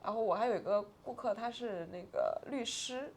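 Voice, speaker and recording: A woman's voice: on the high side, moderate pace, darkish tone. Interview guest, woman in her 40s, emotional first-person retelling, agitated swings, faint noise floor.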